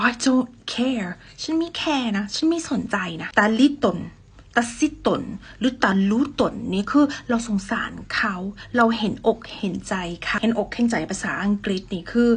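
A woman teaching common phrases in a casual, playful lesson, slowly drawing out the example sentences. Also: fairly high pitch, slightly rough. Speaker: language teacher.

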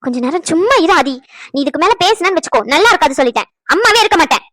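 A woman voicing an anxious middle-aged mother who keeps urging her son to stay quiet. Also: very high-pitched, animated, racing, no echo, clean studio sound. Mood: pleading. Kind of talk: cartoon voice acting.

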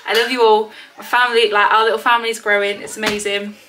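A woman's voice: medium pitch, flat delivery, fast talker. A British woman chatting casually to camera as a haul vlogger, slightly out of breath, rambling with lots of ums. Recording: clear background noise with clicks.

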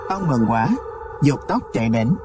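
A man narrating a Buddhist moral tale in a slow, dramatic storytelling way. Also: medium pitch, lively intonation, music in the background.

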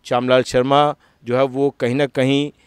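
A male news anchor from closing a political interview with formal, measured commentary. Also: medium pitch, flat delivery, smooth, dry recording.

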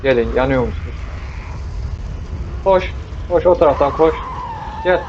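Brief: young male gamer, jokey chatter at the zombies, dull lo-fi mic, steady hiss behind. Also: medium pitch, measured pace. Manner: joking, talks to the zombies, bursts into yells. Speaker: gameplay streamer. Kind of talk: casual let's-play commentary.

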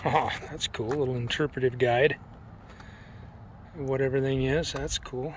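A man's voice: mid-range voice, steady tone, moderate pace, slight background noise. A man casually narrating as he walks around an outdoor historic village, musing and easily amused. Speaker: travel vlogger. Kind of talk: casual walking commentary. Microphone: handheld camera.

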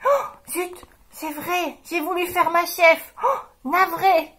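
Lady putting on a high little mule voice, a bit bossy then sorry. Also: takes it slowly, fairly bright tone, exaggerated voice. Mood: sheepish.

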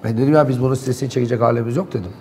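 A man's voice: mid-range voice, fairly even intonation, very fast, darkish tone, a little hiss or hum. A man in a local TV studio, animatedly and indignantly recounting events in heated talk.

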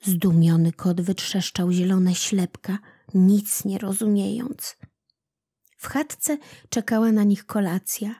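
A woman narrating a children's legend aloud in a slow, deliberate storytelling manner. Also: mid-range voice, steady tone, dark tone, breathy edge, no room sound, clean studio sound. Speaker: narrator, audiobook reader.

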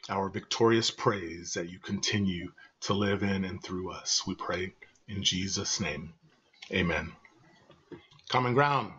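An older man, a pastor, opening a church service and leading prayer in an earnest, unhurried way, pausing often, speaking at home over a video call. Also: mid-range voice, pushed and bright. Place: home room, indoors. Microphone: webcam on a video call. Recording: dull lo-fi video call audio.

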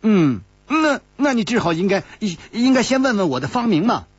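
A bold young woman teases with giggling, drawn-out words, put on by a male storyteller. The voice sits higher and swings widely, with a slightly husky edge on a dull, dry recording. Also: big pitch swings, no echo, exaggerated voice. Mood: teasing. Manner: coy, giggling, drawn-out wheedling.

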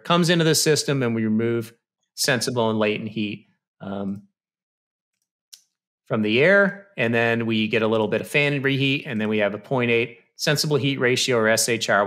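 A man in his 30s with a mid-range voice presents HVAC material over slides, bright and forceful but casual like an instructor. He goes step by step in a chatty way, leaning on "you know" and "okay." He's in a small indoor room on a video call, using a studio mic on a stand and headphones.

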